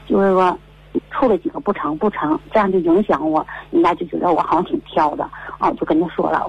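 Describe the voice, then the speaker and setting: A woman's voice: lowish voice, slightly rough. A woman, calling in to a radio advice show and telling her story with many fillers over a muffled line. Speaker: caller. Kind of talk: phone-in advice call.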